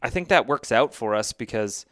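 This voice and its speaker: A man's voice: medium pitch, lively intonation, normal speed, a bit bright, no echo, clean studio sound. A man co-hosting a casual fantasy football chat, thinking aloud with fillers and restarts. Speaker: podcast co-host.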